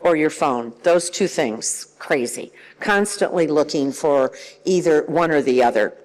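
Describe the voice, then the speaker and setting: An older woman with a lowish voice gives a chatty, lively workshop lecture. She slips into the voices of parents and children to make her points. The sound carries a long reverb from a large hall. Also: measured pace. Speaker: workshop trainer.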